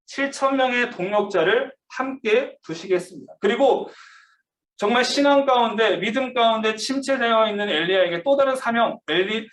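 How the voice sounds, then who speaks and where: Man, youth pastor, high voice, storytelling sermon, questions to listeners, distant mic. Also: normal speed, a bit bright, reverberant. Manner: storytelling, asks listeners questions, acts out quotes. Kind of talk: sermon to teens over video call. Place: church room.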